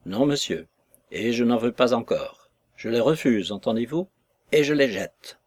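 A man's voice: medium pitch, lively intonation, unhurried, no room sound. A male reader voicing a proud, vengeful female maid who speaks with sarcasm and contempt. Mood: scornful fury.

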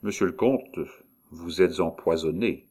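A man voicing a calm, grave doctor who questions his patient in a low, soothing, measured way, in a storybook reading. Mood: probing. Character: calm, grave male doctor, gently probing.

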